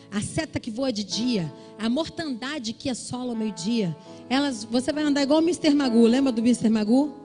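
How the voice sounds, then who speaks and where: A woman pastor from Brazil preaching a sermon, telling a family story and acting out the shouting relatives in a high voice. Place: church service.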